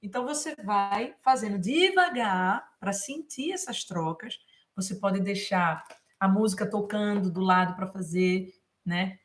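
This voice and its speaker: A woman's voice: mid-range voice, unhurried. A woman music teacher giving a live guitar lesson, who sings short mantra lines and then patiently explains the chord changes, with frequent fillers. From Brazil. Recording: faint guitar playing behind the voice.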